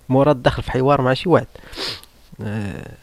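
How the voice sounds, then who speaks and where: A man's voice: mid-range voice, dry recording. A man with a Moroccan accent hosting an online debate room, arguing in a combative, mocking way full of rhetorical questions. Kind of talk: argumentative live-room monologue.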